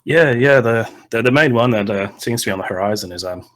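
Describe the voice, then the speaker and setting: A man co-hosting a casual gaming chat show, dry and blunt, with halting fillers. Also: mid-range voice. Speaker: co-host.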